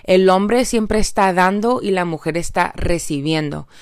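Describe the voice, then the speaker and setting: A woman's voice: fairly low pitch, a little slow, smooth, no room sound, studio quality. A woman with a Mexican accent hosting a casual podcast monologue, chatty and upbeat, speaking straight to her listeners with lots of little filler tags. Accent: Mexican Spanish. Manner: frequent filler tags like "¿no?" and "entonces". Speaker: podcast host.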